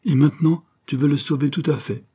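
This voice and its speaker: A man's voice: a little high, fairly even intonation, a little fast, warm tone, slightly rough, voice pushed up. A man reading an audiobook, voicing an embittered, vengeful noblewoman who scolds her son in a stern, commanding way. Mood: harsh. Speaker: audiobook reader.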